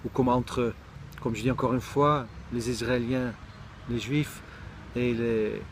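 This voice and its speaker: A man's voice: mid-range voice, steady tone, takes it slowly, slight background noise. A middle-aged man from Israel giving a reflective monologue, thoughtful and searching for words, often restarting his sentences. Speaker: speaker sharing personal reflections.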